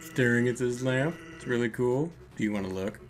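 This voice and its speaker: A woman's voice: very deep voice, fairly quick, soft background music. A woman voicing Sans, a lazy, easygoing male skeleton who drawls his lines and cracks bone puns in a fan game voice-over. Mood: teasing. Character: lazy joking male skeleton, laid-back punster.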